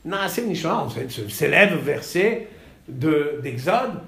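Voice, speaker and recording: A man teaching a classroom text study, halting and repeating words, then stressing key points with energy. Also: fairly high pitch, sing-song, vocal fry, fairly bright tone, echoey room.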